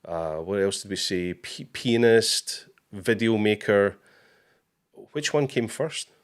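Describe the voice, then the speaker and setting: A man's voice: fairly low pitch, animated, slow pace, clear, resonant tone. A man hosting a live-stream interview, casually reading out viewer comments with easy fillers. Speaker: host.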